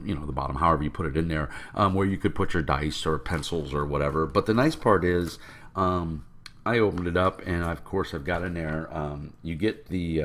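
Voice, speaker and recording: A tabletop game vlogger, congested from a cold, rambles casually to camera in a deep, froggy voice that still has a fairly bright tone. His talk is loose and full of fillers.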